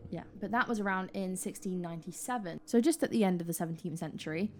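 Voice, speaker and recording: A woman's voice: fairly low pitch, fast talker. A British woman in her twenties co-hosting a podcast, chatty and self-deprecating. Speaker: podcast co-host. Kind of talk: casual chat. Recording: noisy background.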